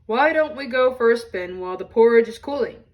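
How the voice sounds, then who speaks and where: A woman's voice: fairly high pitch, animated, fairly quick, far from the mic, muffled recording, natural voice. A woman voicing a big, old, grumpy father bear, blustering and indignant, in a storybook read-aloud. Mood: jovial.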